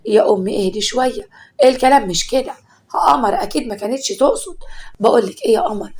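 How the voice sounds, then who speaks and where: Woman doing a young husband, Egyptian accent, pleading, fairly high voice. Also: fast, a little mellow, lightly acted. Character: young husband torn between mother and wife, man.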